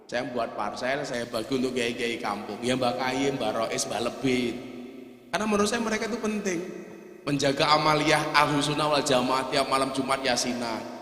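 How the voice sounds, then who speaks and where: A man preaching a humorous sermon, joking and throwing rhetorical questions at his audience, rising to loud emphatic peaks. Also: mid-range voice, normal speed. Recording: echoey hall with long reverb.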